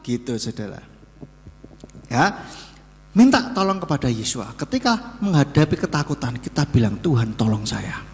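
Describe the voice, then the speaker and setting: A man, preaching a sermon in a lively, joking way that mixes in casual asides. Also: normal speed, long pauses, in a large hall. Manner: lively, jokey preaching with sudden pitch jumps and Javanese asides. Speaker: pastor.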